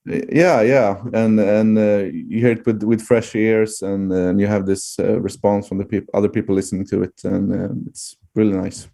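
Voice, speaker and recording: A man's voice: on the low side, little pitch movement, normal speed, vocal fry, few pauses, mellow. A man with a Swedish accent chatting casually as an interview guest, hesitant and often searching for words. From Sweden.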